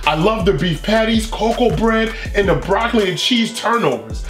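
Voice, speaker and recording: In an echoey small furnished room, a middle-aged food vlogger reads reviews out loud. His voice is high and fairly bright, and his commentary is playful and emphatic, full of repetition.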